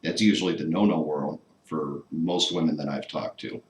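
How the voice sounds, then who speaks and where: A man's voice: very deep voice, steady tone, normal speed. A man hosting an interview, asking wry, teasing questions in a casual way. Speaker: interviewer host. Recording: echoey room with faint noise.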